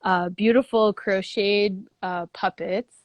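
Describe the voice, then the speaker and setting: Speaking at medium pitch with fairly even intonation, the director takes her time, and there's no room sound. She's a cheerful, chatty guest on a video call from a phone or laptop, shifting between the outside of her puppet theater and the lobby.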